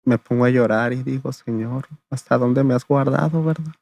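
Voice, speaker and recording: A man's voice: mid-range voice, normal speed, dry recording. A man, telling his own testimony in an interview in a conversational way, often tagging his sentences with "le digo" and "¿verdad?". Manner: gravelly, flat storytelling, often adding "le digo" and "¿verdad?". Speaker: interview guest giving testimony.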